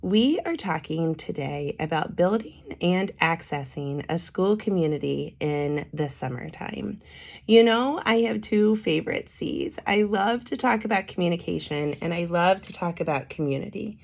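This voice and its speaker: A woman hosts a casual solo podcast with a hoarse voice that is giving out. Her pitch sits a little low and gravelly creak runs through it. She still talks with emphasis and enthusiasm. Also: expressive, normal speed, a little mellow. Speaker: podcast host.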